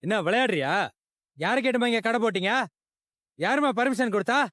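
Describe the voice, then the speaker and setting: A man's voice: high-pitched, lively intonation, a little fast, a bit bright, no room sound. A man voicing a harsh, bossy official who bullies a street vendor in a dry-sounding drama dub. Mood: bullying. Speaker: official checking licenses.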